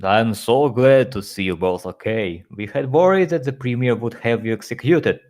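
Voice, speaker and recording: A man reading out pony characters' lines in a louder, animated voice for an audio fanfic. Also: mid-range voice, normal speed, natural voice. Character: various pony characters, male and female.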